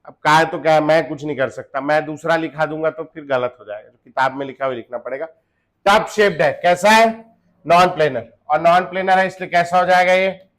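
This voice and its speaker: A man's voice: fairly high pitch, a little fast, a bit bright. A man teaching chemistry to a class. He keeps asking the students questions and answers them himself, jokes with them and slips in English phrases. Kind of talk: classroom lecture.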